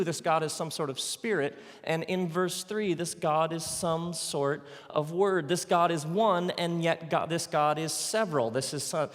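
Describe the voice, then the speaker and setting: A man giving a live stage talk on the Bible to an audience, with dramatic pauses, playful asides and call-and-response. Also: fairly high pitch. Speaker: speaker teaching on the Bible. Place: large auditorium with live audience. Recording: long hall reverb from a live venue.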